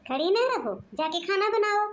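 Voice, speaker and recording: Woman playing a bossy middle-aged mother-in-law, cartoon, scolding, high voice. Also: expressive, normal speed. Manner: commanding, scolding.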